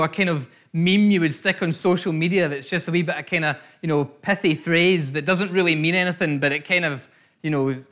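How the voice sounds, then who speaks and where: A man's voice: high voice, a bit bright. A man preaching an Easter sermon as pastor, earnest and repeating his phrases, with frequent fillers.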